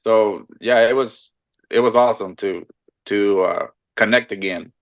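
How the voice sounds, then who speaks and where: A man's voice: fairly low pitch, measured pace. Man, from Costa Rica, podcast guest, easygoing, friendly, restarts words, slightly dull sound. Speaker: shed hauling business owner, podcast guest. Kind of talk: casual interview chat.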